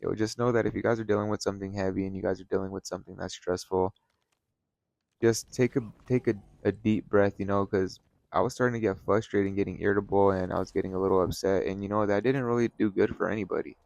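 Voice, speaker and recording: Tired man, gravelly low voice, rambling casual vlog talk, dry close sound. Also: steady tone, fast talker, a little mellow, no room sound, dull audio. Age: adult, has kids and a wife. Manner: laid-back, rambling, swears casually, many fillers. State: tired, burnt out. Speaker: vlogger. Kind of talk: casual vlog monologue over gameplay. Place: at home, sitting in a chair.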